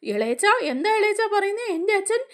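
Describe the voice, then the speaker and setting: A woman's voice: extremely high pitch, very animated, fairly quick, pitched above the performer's own voice. A woman voicing a young woman wailing and pleading in staged grief.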